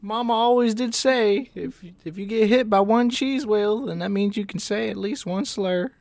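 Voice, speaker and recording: A man's voice: sits high, normal speed, creaky, darkish tone, dry recording. A man voicing a simple, folksy grown brother with a drawling rural dialect and fretting exclamations, in a tabletop game. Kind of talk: tabletop role-play voice.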